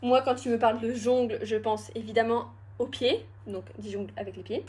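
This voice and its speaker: A young woman chatting casually at home through a challenge vlog, self-mocking and quick to laugh. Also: a little high, steady tone, darkish tone. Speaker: vlogger.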